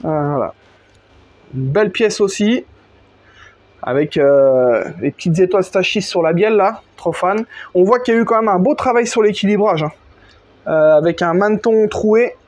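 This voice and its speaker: A man with a fairly high voice chats casually to his viewers while working on an engine outside under a gazebo. He talks loosely in slang, with frequent fillers and restarts, addressing the viewer directly. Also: moderate pace, darkish tone. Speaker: moped tuning vlogger. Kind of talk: casual workshop vlog. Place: outdoors under a gazebo in front of his house.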